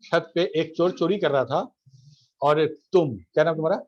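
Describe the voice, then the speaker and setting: Casting: middle-aged lecturer, male, high voice, chatty teaching tone, keeps asking the class if they follow. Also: normal speed, lo-fi sound. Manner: conversational, repeats phrases, asks students questions. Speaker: college lecturer.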